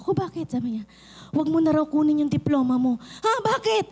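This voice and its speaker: A middle-aged woman pastor with a Filipino accent, preaching a sermon and telling lively personal stories. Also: high voice, fast talker. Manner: animated storytelling, acts out quoted voices.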